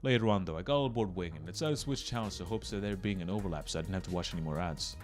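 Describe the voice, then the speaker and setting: Racing along in a low voice over clear background music, a YouTube video essayist hosts a comedic scripted piece. His delivery is melodramatic and mock-serious, punctuated by sudden emphatic bursts.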